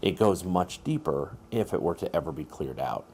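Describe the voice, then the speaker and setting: A man's voice: low voice, expressive, normal speed, darkish tone, slight background noise. A man presenting an outdoor exploration vlog, explaining things in an informal, instructive way. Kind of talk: casual explanatory vlog narration. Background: music.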